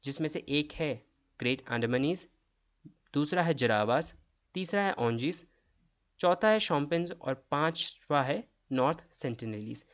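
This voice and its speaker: A man's voice: a little high, lively intonation, measured pace, a bit bright, lo-fi sound. A man running an exam-prep quiz lesson, reading each question and its options aloud before explaining the answer. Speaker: quiz tutor.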